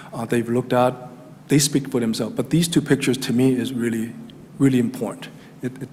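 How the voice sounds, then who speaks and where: This is a formal town council presentation by a middle-aged man with a Chinese accent who handles regional economic development. He has a medium, somewhat dark voice and stumbles along with frequent fillers and restarts. The chamber adds hall reverb, with a faint hum of room noise.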